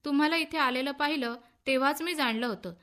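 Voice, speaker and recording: Gracious young wife, soft and polite, read by a woman with a high voice for a radio story. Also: fairly quick. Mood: knowing. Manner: polite, welcoming.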